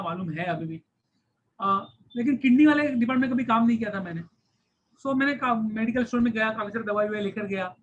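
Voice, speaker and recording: A man's voice: extremely high pitch, a bit bright, dull audio, slight background noise. A male teacher in his thirties breaks from the lesson to tell a comic story about himself. He talks animatedly, switches between Hindi and English phrases, and acts out groans of pain along the way. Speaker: science teacher. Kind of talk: storytelling aside in a class.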